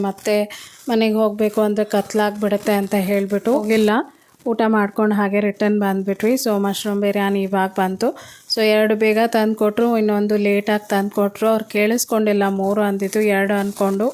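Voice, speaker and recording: A woman narrating her own vlog in a relaxed, chatty way, mixing in English words. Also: mid-range voice. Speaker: vlogger.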